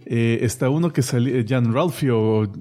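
A man, co-hosting a casual chat about comics news, relaxed and hesitant with many fillers. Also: mid-range voice, normal speed. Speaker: podcast co-host.

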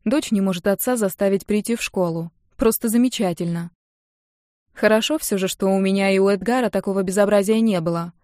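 A woman's voice: mid-range voice, fairly quick, darkish tone, no room sound, studio quality. A young woman narrating a first-person audiobook in a wry, matter-of-fact way. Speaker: audiobook reader.

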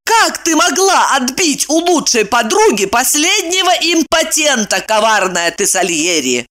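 A woman reading a story aloud, voicing a brash, sharp-tongued young woman who scolds and exclaims. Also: on the high side, sing-song, moderate pace, voice pushed up. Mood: indignant.

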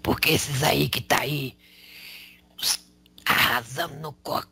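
A man channeling a male spirit who preaches in a slangy, raspy whisper, tagging lines with rhetorical questions. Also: medium pitch, fairly even intonation, takes it slowly, sharp tone, exaggerated voice. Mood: preaching. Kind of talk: spiritual counsel.

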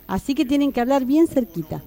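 A woman hosts a radio show, playfully chatting with children gathered around a studio microphone and coaxing them to speak. Her high-pitched, sing-song voice is brisk and mellow with some vocal fry, and soft music plays in the background.

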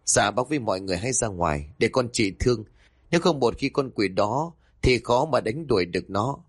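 A calm young man who hunts demons, earnest and set on finishing the job, voiced by a male storyteller. His low voice rises and falls with life, and the sound is close and dry. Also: fairly quick, breathy edge, no echo.

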